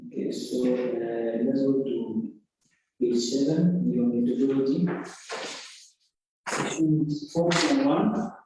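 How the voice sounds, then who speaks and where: A man examining a student's thesis in an oral exam, halting and corrective, with many restarts. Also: medium pitch, steady tone, mellow, slight background noise. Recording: echoey room from far off.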